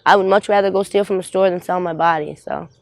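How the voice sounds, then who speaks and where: A woman's voice: lowish voice, fairly even intonation, quick pace, dry recording, rough recording. This is a woman in her twenties, speaking outdoors on a city street. She talks bluntly, swears freely and sounds streetwise and matter-of-fact, answering questions from an interviewer. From Trinidad. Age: 20s.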